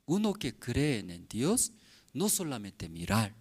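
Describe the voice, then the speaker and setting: A pastor delivers a sermon in short, simple phrases, pausing often to ask his listeners questions. His pitch rises and falls a great deal. He speaks at an unhurried, deliberate pace. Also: wildly swooping pitch, darkish tone, breathy edge. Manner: simple, broken phrasing peppered with rhetorical questions and "mm?"; repeats questions to a congregation addressed as brothers.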